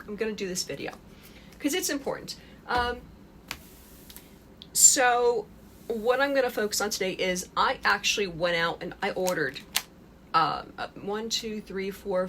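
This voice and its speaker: A woman's voice: on the low side, bright, forceful tone, a little hiss or hum. A woman chatting casually to camera about crochet, rambling with lots of fillers and restarts. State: a little out of breath. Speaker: crochet vlogger. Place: home in Japan.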